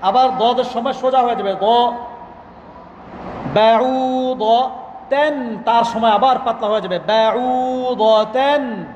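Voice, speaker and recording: A man's voice: extremely high pitch, highs cut off. A male Quran teacher from Bangladesh drilling letter sounds with children in a classroom, calling for repetition. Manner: drills syllables slowly, calls for repetition. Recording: echoey hall, children and noise behind.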